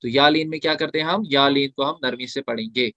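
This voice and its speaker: A man teaching tajweed in an online class, explaining step by step, asking questions and answering them himself, and chanting the verses slowly between explanations. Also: medium pitch, fairly even intonation, bright, forceful tone, dry recording, muffled recording. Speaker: Quran recitation teacher.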